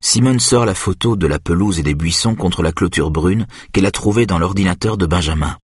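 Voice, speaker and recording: Very husky male audiobook narrator. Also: low-pitched, brisk, no echo, studio quality.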